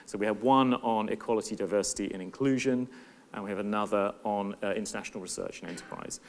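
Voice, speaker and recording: A man's voice: on the low side, fast talker, a little hiss or hum. A middle-aged man giving a conference talk as a university professor, earnest and thoughtful, often restarting and repeating words. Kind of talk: conference presentation.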